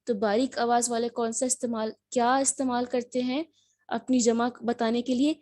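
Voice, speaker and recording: A woman's voice: a little high, level tone, a little mellow, dry recording. A woman teaching a spoken language lesson, patient, repeating words and asking herself questions as she explains. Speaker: Turkish teacher.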